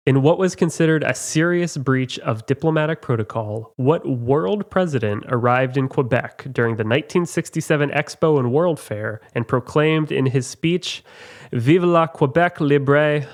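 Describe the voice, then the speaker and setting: Chatty male trivia host. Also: mid-range voice. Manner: chatty, halting, laughs at own mistakes. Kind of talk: casual podcast quiz.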